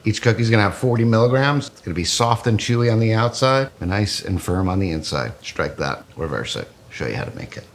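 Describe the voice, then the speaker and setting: A man's voice: lowish voice, animated, a little fast, hardly any pauses, a little hiss or hum. A man hosting a casual cooking demo, joking and crude as he bakes. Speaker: cooking show host.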